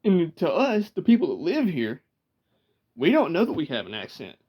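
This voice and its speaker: A man's voice: a little high, wildly swooping pitch, moderate pace, breathy edge, lo-fi sound. Chatty Georgia man with a Southern drawl. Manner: chatty, laughs often, rambling asides. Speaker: vlogger. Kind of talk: casual talk to camera. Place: small room indoors, sitting in a rocking chair. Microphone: camera in front of him.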